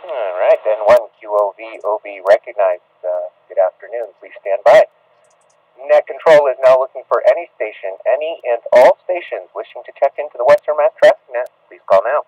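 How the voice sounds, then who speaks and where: A man's voice: mid-range voice, lively intonation, darkish tone, dry recording. Male net controller over a static-laden radio. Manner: measured, formal procedural radio talk, spelling out call signs. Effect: heard over a two-way radio with static. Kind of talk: amateur radio net procedure. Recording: dull, distant, dry radio sound.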